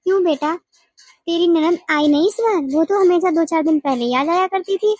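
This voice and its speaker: A woman voicing a caring, gentle mother asking after her daughter in a family cartoon. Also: extremely high pitch, normal speed, dry recording, studio quality. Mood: concerned.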